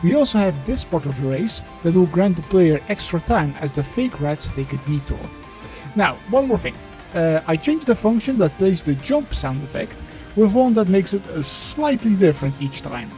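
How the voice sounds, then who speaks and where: A man talking through a voice changer that disguises his voice, narrating a game-development video in a blunt, sweary way that gets loose and halting when he goes off script. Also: sits high, sing-song, warm tone, faint music behind. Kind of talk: devlog voiceover.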